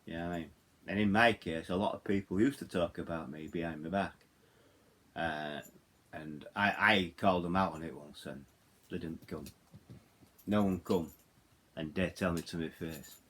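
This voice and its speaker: Speaking at normal speed with long pauses, a middle-aged Yorkshireman with a low voice and fairly bright tone talks casually through a product he's handling. He's a hobbyist radio reviewer who wanders off topic and repeats himself, and there's a little hiss or hum on the recording.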